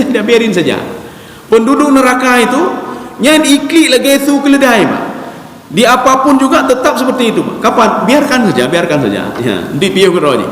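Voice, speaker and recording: A man's voice: extremely high pitch, fairly bright tone. A man preaching a sermon to a mosque congregation, asking rising questions and chanting Arabic verses. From Indonesia. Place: mosque hall. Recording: echoey mosque hall.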